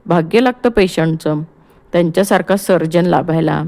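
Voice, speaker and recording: A woman's voice: on the low side, normal speed, vocal fry, warm tone. A woman voicing a cold, needling young man in an audiobook play reading. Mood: cool. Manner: cool and needling.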